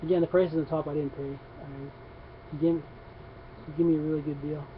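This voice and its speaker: Fast-talking and flat, a man with a fairly high voice chats on camera about comics he picked up, stumbling through restarts and fillers. It's a casual haul video from a comics vlogger, recorded with dull, slightly noisy lo-fi sound.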